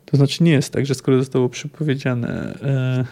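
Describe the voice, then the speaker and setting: A man's voice: medium pitch, steady tone, moderate pace, creaky, warm tone. A man hosting a book review podcast, talking in a thoughtful, analytical way and often searching for words. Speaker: podcast host.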